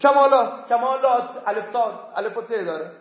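A man's voice: very high-pitched, expressive. A man teaching a philosophy class, emphatic, repeating key words again and again to drill them into his students. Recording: echoey, dull lo-fi room recording.

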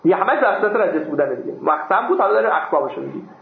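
In a seminary class, a man reads Arabic text aloud and explains it through questions and answers, now and then joking with his students. His voice sits high and is expressive, with some vocal fry. The classroom recording sounds dull and echoey.

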